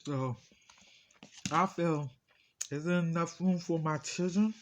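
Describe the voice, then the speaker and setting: A man telling a personal story in a casual mukbang style, talking with his mouth full in short, halting phrases, aggrieved and repeating himself insistently. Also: on the high side, muffled recording, a little hiss or hum. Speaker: vlogger.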